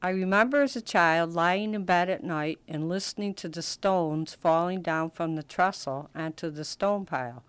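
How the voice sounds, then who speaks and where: A speaker reading a childhood memory gently and nostalgically. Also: mid-range voice, moderate pace, few pauses, smooth, dry recording.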